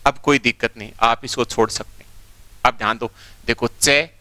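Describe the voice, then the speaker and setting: A male teacher giving an online exam-prep lesson, repeating key points and slowly breaking words into their separate sounds. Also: medium pitch, steady tone, bright, forceful tone, no room sound. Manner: slowly spells out sounds one by one.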